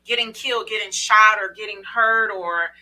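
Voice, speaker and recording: A woman's voice: mid-range voice, normal speed, bright, forceful tone. A middle-aged woman hosting a podcast, speaking in a heartfelt, emotional way in casual chat. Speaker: podcast host. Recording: voice a bit distant from mic.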